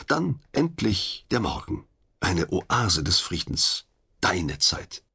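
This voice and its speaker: A male audiobook narrator tells the story in a wry, confiding first person. His low voice carries a gravelly, husky grain, and his pitch swings widely as he reads. The reading is expressive and intimate. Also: slow pace.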